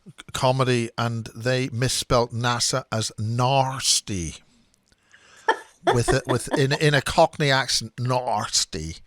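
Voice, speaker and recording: A man's voice: medium pitch, fairly even intonation, slow pace, fairly bright tone. Stumbling male interviewer. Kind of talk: conversational interview.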